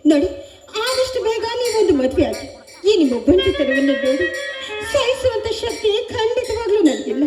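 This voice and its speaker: A guilt-stricken young woman, played by a woman, pleads in melodramatic stage style. Her very high voice swoops widely from line to line. The recording is echoey, with music behind. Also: big pitch swings, normal speed. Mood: pleading. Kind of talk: stage drama acting.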